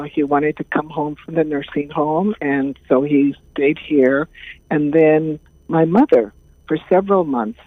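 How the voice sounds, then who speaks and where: A woman, speaking as an interview guest in a calm, thoughtful way with many pauses. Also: low voice, dry recording. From Hawaii. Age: 70s. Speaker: guest, caregiving trainer. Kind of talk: casual interview talk. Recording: tinny phone line.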